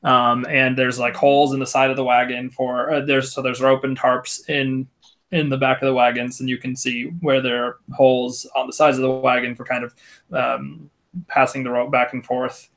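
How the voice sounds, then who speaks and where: Gravelly-voiced young game master who talks in rambling, halting asides. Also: male voice, medium pitch, level tone, a bit bright. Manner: rambling, hesitant, many fillers. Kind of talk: casual tabletop game narration.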